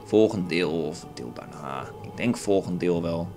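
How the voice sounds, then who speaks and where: Speaking a little slowly in a low, slightly mellow voice, a young man with a Dutch accent narrates his own gameplay. The casual let's play commentary is crude, rambling and full of jokes, and faint game music plays behind him.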